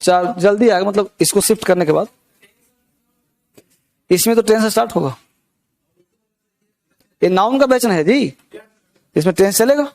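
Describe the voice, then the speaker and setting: High-voiced man teaching a grammar class. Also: normal speed, pauses often, a little mellow. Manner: explains step by step with many rhetorical questions. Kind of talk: classroom lesson.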